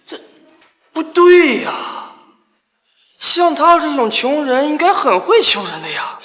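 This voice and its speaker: An actor playing an arrogant, cruel young rich heir who taunts and mocks in a sneering, drawn-out tone. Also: male voice, very high-pitched, big pitch swings, pushed and bright, big-room sound, a little hiss or hum, exaggerated voice. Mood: taunting. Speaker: villain. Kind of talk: short drama acting.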